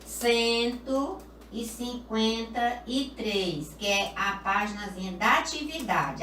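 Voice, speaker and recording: A woman's voice: medium pitch, a bit bright, distant mic, a little hiss or hum. Woman teacher in an echoey room. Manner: patient, repeats points with diminutives and check-in questions. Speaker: primary school teacher. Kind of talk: recorded remote class for young children.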